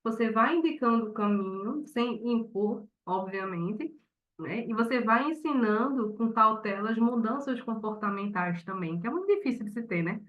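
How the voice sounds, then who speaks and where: A woman teacher wraps up an online class, hoarse from a cold, so she keeps her somewhat high voice soft and friendly. The audio sounds muffled and lo-fi. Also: lively intonation, moderate pace. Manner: speaking softly, friendly.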